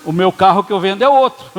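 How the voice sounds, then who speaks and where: A man's voice: high-pitched, expressive, moderate pace. A man preaching as a pastor, telling a personal story in a casual, conversational way and acting out the dialogue. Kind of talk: sermon storytelling. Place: church hall. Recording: long church reverb.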